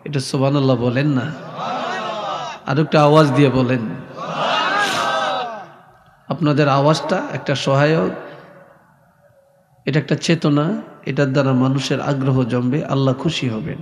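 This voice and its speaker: Guy preaching real slow and soft, kinda singsong, lots of hall echo. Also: medium pitch, fairly even intonation, noisy background. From Bangladesh. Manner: slow, soft-spoken, sing-song storytelling. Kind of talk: Islamic sermon. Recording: echoey hall reverb from a PA.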